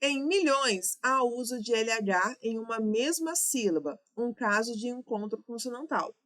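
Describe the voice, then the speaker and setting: This exam-prep grammar lesson comes from a woman with a Brazilian Portuguese accent whose fairly high, fairly bright voice is animated but unhurried. She explains things in steps and amends her own mistakes mid-explanation.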